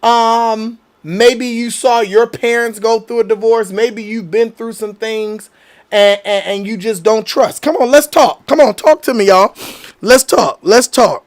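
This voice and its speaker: A man hosts a podcast like a casual live stream, talking earnestly with viewers, reading their comments, and often repeating himself. His voice is high-pitched and a little slow.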